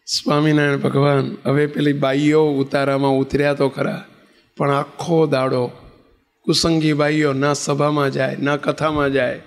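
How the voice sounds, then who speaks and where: Male spiritual leader, slightly high, gravelly voice, storytelling sermon with questions to the crowd. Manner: asks the audience questions. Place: assembly hall with audience. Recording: long reverb in a large hall.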